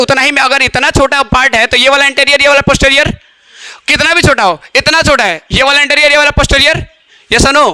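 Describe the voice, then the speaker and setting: A man's voice: extremely high pitch, pushed and bright, no room sound. A man teaching biology in a classroom lecture, who keeps asking questions and answering them himself.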